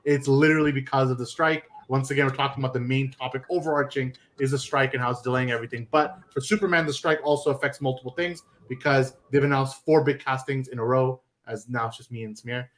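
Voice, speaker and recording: A man's voice: mid-range voice, steady tone, fast talker, hardly any pauses. A young man hosting a casual movie chat on a stream, joking and chatty with lots of fillers. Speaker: podcast host.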